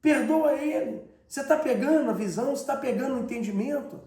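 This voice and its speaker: High-voiced Brazilian preacher man, echoey. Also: fast talker, mellow. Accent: Brazilian Portuguese. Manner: emphatic, repetitive preaching with rhetorical questions. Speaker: bishop and preacher. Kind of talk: sermon.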